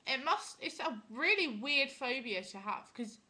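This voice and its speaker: A young woman with a British accent and a slightly high, bright voice. She chats informally with a friend, teasing and prone to giggles. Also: lively intonation, measured pace. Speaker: vlogger, opera singer. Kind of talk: casual chat with a friend.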